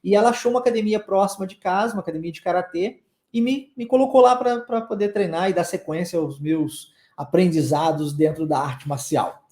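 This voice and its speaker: A Brazilian man teaches English in a lively, chatty way, repeating phrases for practice. His voice is mellow and dark. It is recorded in an echoey room. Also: sits high, brisk. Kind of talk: online English lesson in Portuguese.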